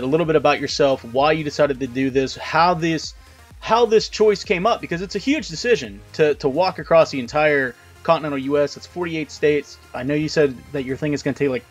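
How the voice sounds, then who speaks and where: A man hosting a casual video interview, chatting informally and wordily with some swearing. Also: on the high side. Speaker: host of a video channel.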